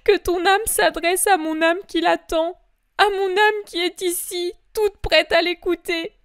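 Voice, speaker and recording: A woman's voice: very high voice, steady tone, measured pace, dry recording, clean studio sound, voice pushed up. A woman voicing the grieving mother of Jesus, imploring and sobbing in a breaking voice, in a dramatic religious reading. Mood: anguished.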